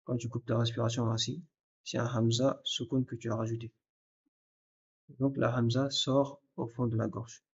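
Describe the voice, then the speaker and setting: A patient man teaches a recorded lesson, speaking straight to the listener and sounding out each letter to show how it is said. His voice is husky and sits in a flat, even pitch. The recording is dull and lo-fi. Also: normal speed. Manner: patient, addresses the listener directly, repeats sounds to demonstrate. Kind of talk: recorded lesson, explaining step by step.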